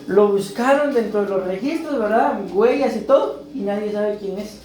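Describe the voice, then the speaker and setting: A man's voice: high-pitched, normal speed, darkish tone. A man preaching a sermon as pastor, talking in a conversational way and often checking in with his listeners. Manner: conversational preaching, keeps asking "¿verdad?". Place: church hall. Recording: echoey church room, faint background noise.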